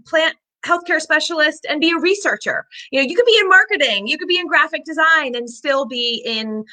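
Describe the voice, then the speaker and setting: A woman hosting a live-stream interview with a high, bright voice. She sounds upbeat and chatty and drops in fillers as she goes. Her tone is sharp and forward. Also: a little fast. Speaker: host.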